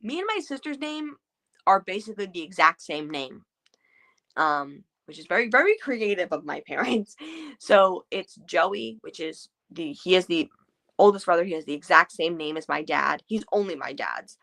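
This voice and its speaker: A woman's voice: on the low side, lively intonation, moderate pace, creaky, fairly bright tone. A woman hosting a casual book club chat, talking in loose, rambling sentences full of fillers. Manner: chatty, trailing off with fillers.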